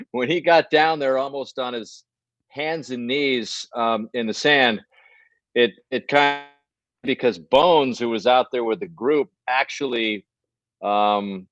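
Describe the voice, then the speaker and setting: A man's voice: mid-range voice, fairly bright tone, dry recording. A man, a golf broadcaster, talking as a guest over a video call whose audio keeps breaking up. He rambles and restarts his sentences. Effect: choppy video call audio breaking up. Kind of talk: casual phone-in interview chat. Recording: dull lo-fi video call line.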